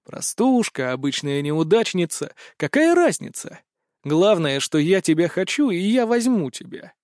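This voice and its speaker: A man voicing a brazen young nobleman who talks in a slow, mocking, menacing drawl. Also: high voice, sing-song, a little mellow, dry recording, studio quality.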